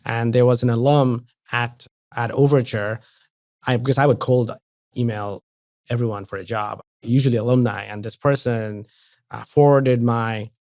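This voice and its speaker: A man's voice: medium pitch, steady tone, moderate pace, a little mellow, no echo, studio quality. A man from India in his forties, a guest talking casually in an interview, often restarting and repeating words. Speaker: venture investor, podcast guest.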